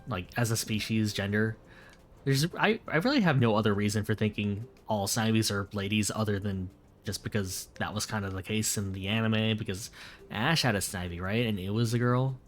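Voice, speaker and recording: A man with a fairly low voice chats casually on a late-night stream. He rambles, restarts his sentences and corrects himself as he answers viewers. Soft music plays faintly behind him. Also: moderate pace.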